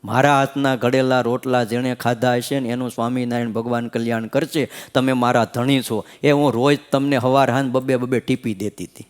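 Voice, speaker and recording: A blunt, proud old village woman on her deathbed, as a preacher quotes her. She scolds in a matter-of-fact way and pitches her voice higher. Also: fairly even intonation, fairly quick, hardly any pauses, natural voice. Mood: scolding.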